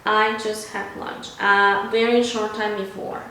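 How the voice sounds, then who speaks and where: A woman English teacher gives an online grammar lesson, speaking slowly in a mid-range voice that is flat in delivery yet pushed and bright. She switches between English and Spanish and keeps checking in with "okay?". The room is very echoey, with faint ambient noise.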